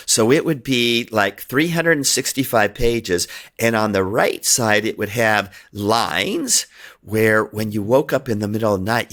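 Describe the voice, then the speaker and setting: Speaking alone on his own podcast, a middle-aged man whose native language is Hungarian talks in a loose, rambling way and laughs frequently. His voice is on the low side and a little bright.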